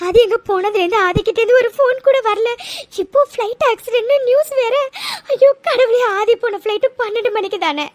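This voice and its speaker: A woman voicing a frightened old grandmother in a cartoon story, wailing in a very high voice. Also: a little fast, no echo. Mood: anguished. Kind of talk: cartoon voice acting.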